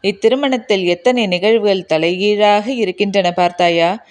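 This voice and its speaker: A woman's voice: medium pitch, a little slow, natural voice. A woman reading the lines of an aloof young noblewoman in a storybook, with a careless, offhand tone.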